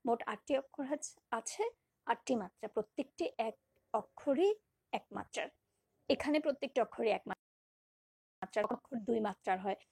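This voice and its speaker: A woman's voice: on the high side, moderate pace, creaky, long pauses, darkish tone, slightly rough, no room sound, studio quality. A woman teacher giving a recorded lecture, patiently repeating examples and drawing out single syllables. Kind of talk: recorded lecture on poetic meter.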